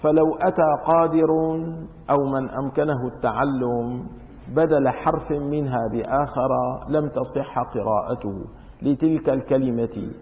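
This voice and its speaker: A man teaches a religious law lesson at a middling pitch. He reads a classical text, then explains it in dialect, saying words over and over to show their pronunciation. His voice rings in a long-echoing hall and comes through a thin, phone-like line.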